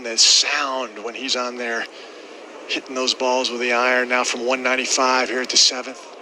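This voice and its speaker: A man's voice: mid-range voice, pushed and bright. A man working as a golf commentator, giving descriptive live play-by-play from outdoors on the course. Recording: faintly noisy outdoor broadcast.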